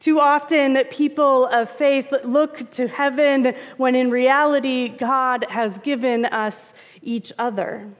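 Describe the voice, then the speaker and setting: A woman's voice: sits high, fairly even intonation, takes it slowly. A woman pastor giving a conversational sermon, with touches of humor and frequent "uh" fillers. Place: church sanctuary. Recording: reverberant, dull church sound.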